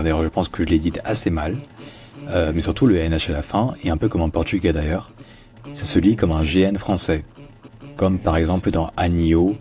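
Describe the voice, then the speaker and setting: Low-voiced guy teaching how to say place names, dark husky tone, slows right down on the words. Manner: patient, slows down to model words. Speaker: pronunciation teacher. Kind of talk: explanatory lesson.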